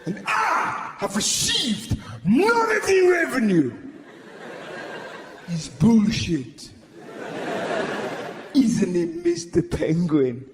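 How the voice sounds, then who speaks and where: A man voicing an indignant male lion in a zoo, ranting and shouting in a stand-up comedy bit, recorded live with audience laughter. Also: very high-pitched, wildly swooping pitch, very slow, pauses often, echoey room, long reverb tail, background noise, voice pushed up, full character voice.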